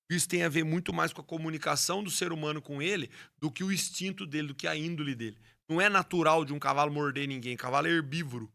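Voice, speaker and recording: A man's voice: a little high, creaky, sharp tone. A man, a rodeo announcer and horse trainer telling his story with passion in an interview, often restarting his words. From Brazil. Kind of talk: interview conversation.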